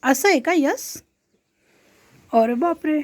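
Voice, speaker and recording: A woman's voice: high-pitched, lively intonation, takes it slowly, darkish tone. A woman with a Marathi accent coaxing a toddler in baby talk, repeating short phrases over and over. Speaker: parent talking to a toddler.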